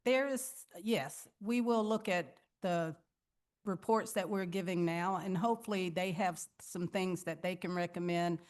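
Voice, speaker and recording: A woman, the city manager, answering commissioners' questions in a measured, explanatory way at a public meeting. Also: fairly low pitch.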